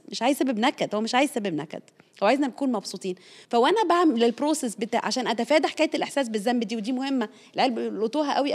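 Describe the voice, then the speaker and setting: An earnest woman with an Egyptian Arabic accent explains parenting in a conversational teaching talk. She speaks at a rapid clip in a slightly high voice. She circles back over her points to make them stick.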